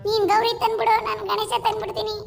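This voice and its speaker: A brash cartoon boy thrown in jail, full of swagger and street-slang taunts, as a woman acts him out. The voice sits very high and piping throughout, pushed hard for comic effect in a homemade spoof dub. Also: completely flat delivery, fast, vocal fry, full character voice. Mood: cocky. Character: Nobita as a cocky jailed boy don. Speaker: voice actor in a fan spoof dub.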